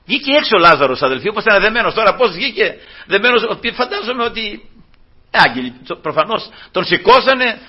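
A man's voice: high voice, big pitch swings, slightly rough. A man preaching a sermon, addressing his brothers, acting out the dialogue of the people he tells about and chuckling often. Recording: dull lo-fi recording.

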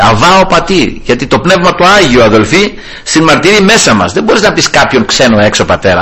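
Man, preacher, fervent sermon, husky, very lively pitch. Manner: fervent, repeats praise refrains and addresses the brethren.

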